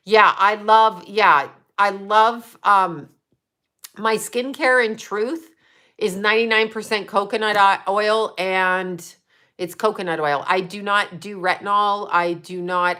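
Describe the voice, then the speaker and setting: This woman in her fifties has a lowish voice that sounds pushed and bright. Hosting a laid-back livestream, she answers viewers' comments with blunt profanity, trash-talking trolls in between her chatty advice.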